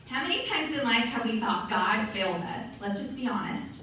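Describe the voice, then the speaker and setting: A woman giving a lively, chatty motivational talk to a meeting of sales directors. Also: on the high side, normal speed, slight background noise. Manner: lively, chatty, acts out quoted voices. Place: meeting room or hall. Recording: distant mic in a very echoey hall.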